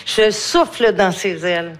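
Quebec woman guest on a talk show, mid-pitched voice, heartfelt and emphatic, chatting. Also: sing-song, unhurried. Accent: Quebec French. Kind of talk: casual interview talk.

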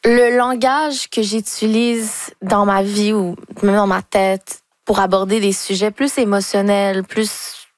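Guesting on a laid-back interview, this young R&B singer talks slowly in a mid-range voice, her Québécois French laced with English words. French is her native language, and she sounds relaxed. The recording is dry.

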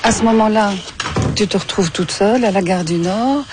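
A woman interviewer asking gentle questions that prompt her guests to go on with their stories. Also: mid-range voice, normal speed, noisy background.

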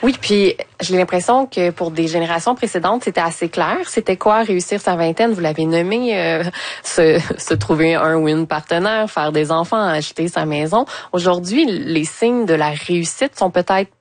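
A woman with a Québécois accent hosting a radio talk show in a studio, lively and laughing lightly as she questions her guests. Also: lowish voice, normal speed, dry recording. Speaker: radio host.

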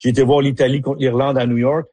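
This ex-player turned soccer analyst from Haiti talks fast in a husky, mellow, mid-range voice that barely moves in pitch. Fielding interview questions, he stumbles through frequent fillers and false starts, and the recording has no room sound.

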